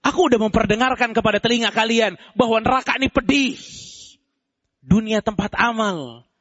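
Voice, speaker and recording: A man preaching a sermon to a congregation, swinging between loud, pleading cries and low, intoned recitation. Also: moderate pace, lo-fi sound.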